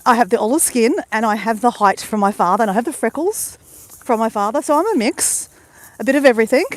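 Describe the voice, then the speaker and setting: A woman's voice: a little high, dry recording. A woman with an Australian accent, chatting in a bubbly, rambling way to viewers of her live stream, recorded outdoors on a beach at sunrise on a handheld phone. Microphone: handheld phone camera.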